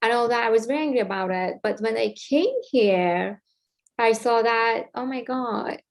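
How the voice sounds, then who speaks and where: A woman from Iran with an Iranian accent, a filmmaker guest talking in a thoughtful, halting way with many fillers. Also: fairly high pitch. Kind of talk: casual interview.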